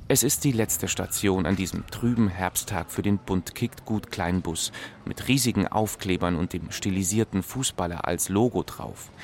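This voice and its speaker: A man reading scripted documentary narration in a measured, even way. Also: lowish voice, vocal fry, a little hiss or hum. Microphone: dry studio voice-over.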